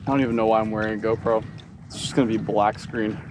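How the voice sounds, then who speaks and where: A man out fishing with a friend, making quick excited remarks from a small boat. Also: fairly low pitch, background noise. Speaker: fishing buddy. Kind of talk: casual chat. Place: small boat on open water at dusk.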